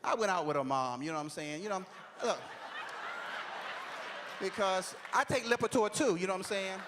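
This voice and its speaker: A man's voice: high-pitched, normal speed, noisy background. A man in his forties doing stand-up comedy on a church stage, with loose, chatty, streetwise talk and a constant "you know what I'm saying.". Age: 40s. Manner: drawling, streetwise phrasing.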